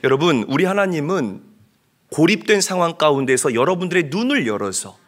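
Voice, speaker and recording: A man preaching a sermon as a pastor, swinging between loud impassioned cries and hushed storytelling. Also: fairly high pitch, very animated, brisk.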